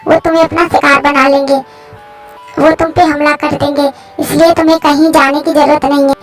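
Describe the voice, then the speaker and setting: A woman's voice: sits high, level tone, fairly quick, faint music behind. A woman voicing a frightened, stubborn young woman in a fan story, refusing and anxious by turns. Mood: reassuring.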